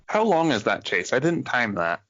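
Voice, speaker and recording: A man's voice: medium pitch, sing-song, moderate pace, fairly bright tone, no echo, muffled recording. A man guesting on a casual film podcast, often hesitating, backtracking and laughing. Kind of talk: casual chat about a film.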